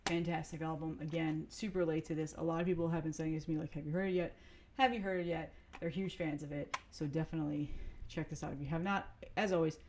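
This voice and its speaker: A woman's voice: sits low, darkish tone, a little hiss or hum. A woman vlogger chatting casually to camera, rambling with fillers and restarts as she shows off cassettes. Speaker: music vlogger reviewing cassettes. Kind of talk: casual chat.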